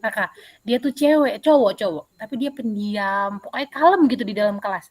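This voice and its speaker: Over a video call, a woman PE teacher answers interview questions, animatedly telling a story full of fillers. Her voice is mid-range and a little fast.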